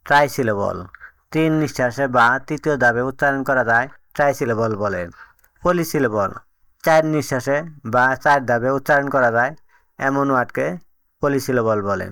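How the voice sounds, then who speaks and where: Male narrator for a beginner lesson: mid pitch, smooth and clear, steady explanatory read. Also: dry recording. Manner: steady, explanatory reading of definitions and examples. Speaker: English teacher. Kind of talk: scripted teaching narration.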